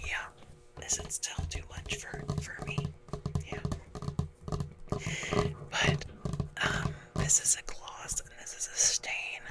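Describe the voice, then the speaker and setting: In a soft, breathy whisper, an ASMR content creator meanders through an informal, self-deprecating ramble, pausing and stumbling as she goes.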